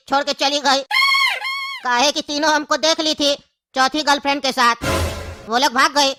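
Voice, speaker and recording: A woman's voice: high-pitched, close to an everyday voice. Woman doing a cheeky middle-aged cartoon customer. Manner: rambling, pleading and teasing. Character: cheeky unmarried man of forty-five. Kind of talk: cartoon comedy voice acting.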